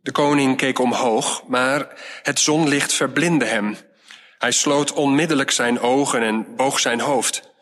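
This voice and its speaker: A man narrating a storybook tale in a slow, measured reading voice. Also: medium pitch, fairly even intonation, a bit bright. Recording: long hall reverb.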